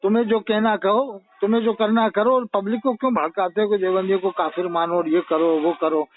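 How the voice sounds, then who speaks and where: A man's voice: high-pitched, fairly even intonation, brisk. A man arguing heatedly over the phone, firing off rhetorical questions. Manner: argumentative, fires rhetorical questions. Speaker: religious debater. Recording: tinny phone line, dry.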